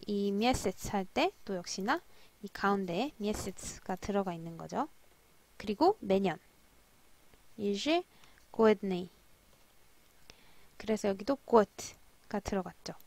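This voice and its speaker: A young woman teaching Russian from drama scenes, who slowly spells out words and repeats drills. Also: mid-range voice, dry recording. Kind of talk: language lesson explaining drama lines.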